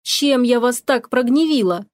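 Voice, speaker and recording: A woman's voice: fairly high pitch, animated, a little slow, dry recording. A woman voicing a stern witch, the mistress of the house, scolding and giving orders, in a storybook reading. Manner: scolding, commanding.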